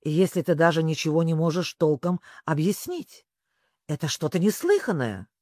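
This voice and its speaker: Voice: mid-range voice, animated, normal speed, a little mellow, no room sound, clean studio sound, natural voice. A storybook reader voicing a gloomy, mournful old male sea creature who grumbles and sighs. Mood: grumbling.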